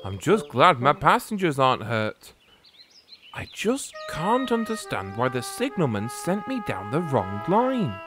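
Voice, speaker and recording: A man's voice: mid-range voice, huge pitch swings, a little slow, over music. A man voicing a cheerful, well-mannered male tank engine in a storybook tale.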